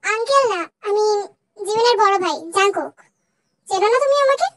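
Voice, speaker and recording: A woman's voice: very high voice, moderate pace, fairly bright tone. A young woman voicing a curt young man. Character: young man, older brother [name]. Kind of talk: fan dub voice acting.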